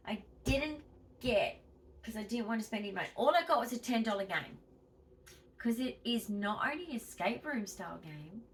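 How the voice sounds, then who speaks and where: An Australian woman vlogs from home, chatting casually and emphatically to her viewers while sounding wheezy and tight-chested. Her voice sits fairly high. The poor audio has a distant mic and slight background noise.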